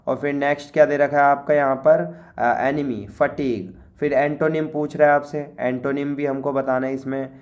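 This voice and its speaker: A man's voice: medium pitch, darkish tone, dull audio. Indian man talking through an exam paper. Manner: chatty, repeats "okay" often, reads English lines slowly. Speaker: teacher. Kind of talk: exam paper walkthrough lesson.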